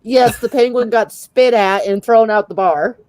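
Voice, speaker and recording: Woman dm narrating, laughs at herself a lot, slow talker, dry recording. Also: a little high, a little mellow, no echo. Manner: laughing, self-deprecating, halting restarts. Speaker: game master. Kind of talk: narrating a tabletop game.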